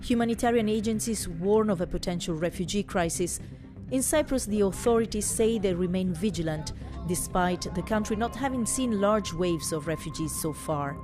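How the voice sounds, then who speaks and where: A woman's voice: mid-range voice, expressive, moderate pace, over music. A woman reporter reading a scripted news voice-over.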